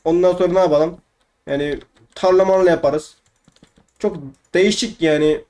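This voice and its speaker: A man's voice: high-pitched, fairly even intonation, normal speed, mellow. A young man giving casual let's-play commentary, chatty and playfully swearing, often repeating words over and over. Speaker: gaming YouTuber.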